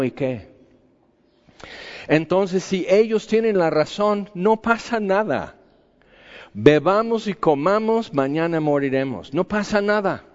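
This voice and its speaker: A man with a high-pitched, slightly mellow, smooth voice preaches a sermon conversationally and argumentatively, full of rhetorical questions. It was recorded in an echoey hall with dull lo-fi sound.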